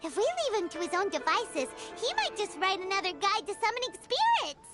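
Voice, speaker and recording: A woman voicing a small, excitable, timid fairy companion in a game who talks about herself in the third person. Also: very high voice, a little fast, exaggerated voice. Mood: curious. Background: game music.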